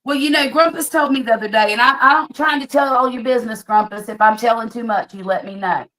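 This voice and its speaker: High-voiced woman host in her fifties. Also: fast, fairly bright tone. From US Gulf Coast. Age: 50s. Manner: chatty storyteller, acts out quoted voices. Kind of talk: casual chat.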